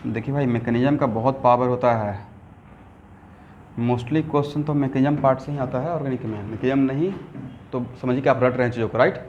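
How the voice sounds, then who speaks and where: This chemistry lecturer, speaking briskly at medium pitch, quizzes his class and answers his own questions, using English technical terms along the way. He teaches students in a classroom while also streaming online. The recording is muffled, with a little hiss or hum.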